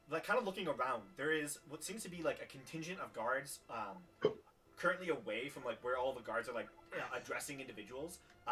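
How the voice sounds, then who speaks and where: Bright-voiced man running a tabletop game. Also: mid-range voice, recorded from a distance. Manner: halting, full of fillers. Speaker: game master.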